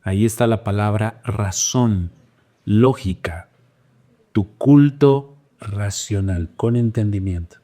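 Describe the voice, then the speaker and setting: A man preaching a sermon as pastor, animated, with wide swings in pitch and loudness. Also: takes it slowly.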